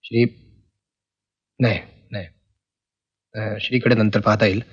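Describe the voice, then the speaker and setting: A scheming landlord, low voice, flat, crisp bright tone. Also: male voice, measured pace, dull audio. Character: cold scheming male landlord giving orders.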